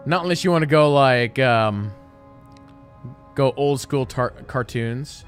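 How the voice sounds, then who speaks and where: A man's voice: mid-range voice, slow pace. A man in his thirties streaming a game, chatting casually in a joking, self-mocking, rambling way. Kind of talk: casual chat. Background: game music.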